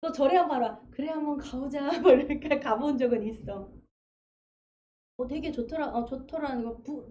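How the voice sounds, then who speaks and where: High-voiced woman pastor preaching. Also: dull audio, slight background noise. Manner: conversational, animated storytelling with acted quotes. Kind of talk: sermon. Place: church sanctuary.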